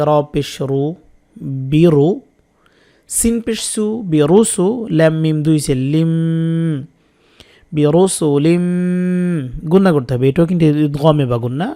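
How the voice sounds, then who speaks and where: Man spelling out Quran verses slowly. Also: on the high side, dark tone. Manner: slow, patient letter-by-letter spelling with drawn-out recited words. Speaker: Quran recitation teacher. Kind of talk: spelling-out recitation lesson.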